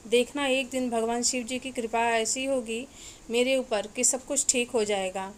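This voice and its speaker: A young woman heroine in a spoken story, weary yet hopeful, as a woman narrator puts her on. She talks in a steady, reassuring way, her voice sitting a little high. A faint hum of ambience lies under it. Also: unhurried, lightly acted. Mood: resolute.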